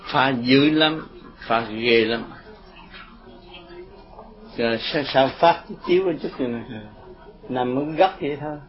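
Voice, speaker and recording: Speaking slowly with frequent pauses in a medium-pitched voice, an older Buddhist teacher chuckles through stories in a folksy, rambling dharma talk. He addresses a group of followers informally, and the lo-fi recording sounds dull, with the crowd audible behind.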